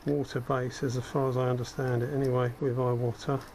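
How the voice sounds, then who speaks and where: With a cold-roughened, slightly croaky mid-range voice, a man talks fairly quickly while demonstrating spray guns as a hobbyist host. He thinks out loud as he works, chatting casually and poking fun at himself. The head-mounted action camera also captures steady noise from the workspace.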